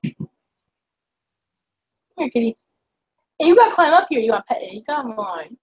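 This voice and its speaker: A young woman chatting casually on a live stream about her artwork, giggly and full of quick asides. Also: fairly high pitch, sing-song, breathy edge, dry recording. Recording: muffled lo-fi mic.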